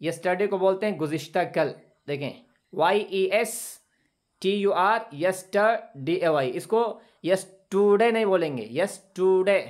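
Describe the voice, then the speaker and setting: Patient man teaching English grammar. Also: sits high. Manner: patient, repeats phrases slowly for students. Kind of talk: classroom lesson explaining grammar.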